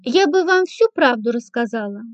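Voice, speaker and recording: A woman's voice: fairly high pitch, lively intonation, moderate pace, no echo, natural voice. Fawning servant girl, as a woman reads her. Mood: wheedling. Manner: wheedling, giggly, sighing. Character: fawning sly young female ex-servant. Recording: dull lo-fi, dry.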